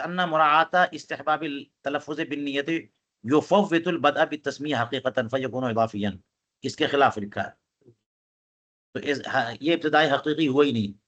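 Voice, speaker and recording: A man with a somewhat high voice teaching a classical religious text. He reads Arabic passages aloud and explains them line by line, stopping often to put questions to his students. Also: a bit bright.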